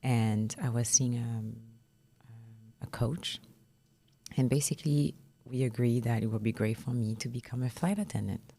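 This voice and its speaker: Deep-voiced soft-spoken woman. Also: normal speed. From France. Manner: soft-spoken, laughs often, hesitant fillers. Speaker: guest. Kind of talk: casual interview chat.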